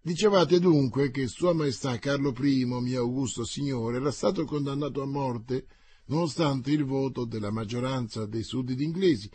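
A man's voice: mid-range voice, moderate pace, warm tone, slightly rough, lightly acted. A man voicing a proud, anguished exiled queen who pleads urgently for news. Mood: imperious, pressing.

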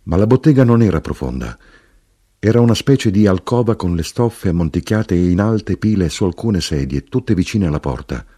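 A man reads an audiobook in a low, husky voice. His delivery is measured and literary. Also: lively intonation, mellow. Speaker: narrator. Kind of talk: scripted audiobook narration.

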